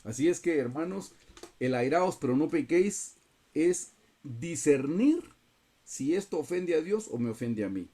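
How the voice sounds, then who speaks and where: A man's voice: on the high side, animated, unhurried, mellow. A man teaching a Bible study over a video call, earnestly and often turning to his listeners as brothers.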